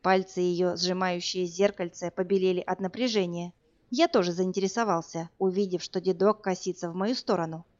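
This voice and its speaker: A woman narrating a fantasy novel in an even, measured storytelling voice. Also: on the low side, muffled recording. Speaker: audiobook reader.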